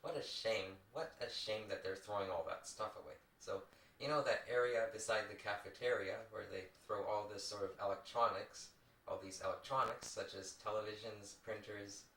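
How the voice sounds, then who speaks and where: A man's voice: lowish voice, steady tone, a bit bright. Youngish guy doing a rambly vlog on old vhs tape, kinda far from the mic, roomy echo, stop-start talking. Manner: halting, rambling delivery with repeated phrases. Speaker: video host. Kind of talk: casual rambling opinion vlog. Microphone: distant microphone, recorded onto a VCR. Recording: echoey, distant, home VHS tape recording.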